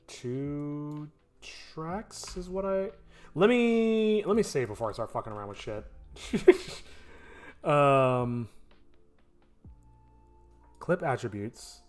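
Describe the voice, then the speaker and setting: A man thinks aloud while editing his animated show, his commentary casual, self-questioning and sometimes profane. He speaks slowly at a medium pitch with long pauses, over soft background music.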